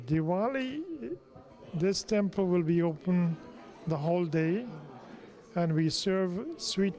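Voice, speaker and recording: A middle-aged man from Guyana, a temple president answering interview questions in a measured, explanatory way. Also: high-pitched, warm tone.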